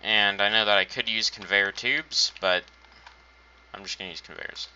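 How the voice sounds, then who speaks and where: A man's voice: fairly low pitch, steady tone, normal speed, sharp tone, a little hiss or hum. A man casually commenting on his own gameplay, thinking aloud while building and making dry, self-mocking asides. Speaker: gaming channel host. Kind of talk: casual let's-play commentary. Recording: dull lo-fi home recording.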